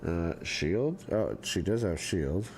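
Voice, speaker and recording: A man giving casual commentary while playing a fantasy role-playing game, thinking aloud in a relaxed, offhand way. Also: deep voice, takes it slowly, slight background noise.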